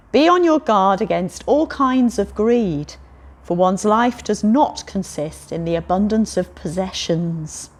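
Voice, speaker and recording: A woman giving an all-age sermon, telling the story in a lively way and inviting the congregation to join in. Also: mid-range voice. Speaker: preacher.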